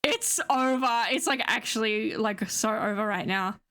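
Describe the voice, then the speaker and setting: A woman's voice: fairly high pitch, a little slow, a bit bright. A young adult woman streamer in a live-stream gaming chatter, giggly and playfully melodramatic.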